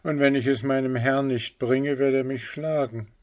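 A man's voice: mid-range voice, fairly even intonation, normal speed, voice pushed up, lightly acted. A man voicing a meek, anxious enslaved boy in a fairy tale, in an earnest raised voice.

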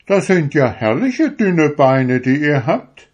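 A man's voice: a little high, sing-song, takes it slowly, darkish tone, highs cut off, voice pushed up, full character voice. A man voicing a haughty, self-important male turkey cock in a storybook reading, speaking in a raised, mocking voice.

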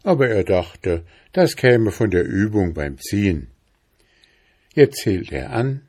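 A man reading a children's story aloud, taking his time over every sentence. His narration is expressive, and his pitch rises and falls in lively swings. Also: slow, breathy edge. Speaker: story reader.

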